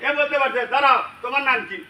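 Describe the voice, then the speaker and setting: A man teaching English in a large classroom, loudly leading call-and-response drills. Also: very high voice, very fast. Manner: loud, energetic, often shouting prompts to a class. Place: large classroom full of students. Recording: echoey classroom, distant mic, loud student chorus and noise.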